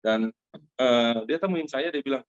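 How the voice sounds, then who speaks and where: A middle-aged man hosting a Zoom meeting, telling a lively personal product story to friends in a casual way with many fillers. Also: mid-range voice, normal speed, clean tone, no echo. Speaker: Zoom meeting host giving a product testimonial. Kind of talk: casual spoken testimonial to an online group. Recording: dry, dull lo-fi video call audio.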